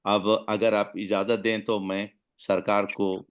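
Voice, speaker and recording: Deep-ish guy hosting an online class, polite and formal, lots of uh pauses. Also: level tone, smooth, dull audio. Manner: courteous, formal, hesitant fillers. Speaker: class moderator.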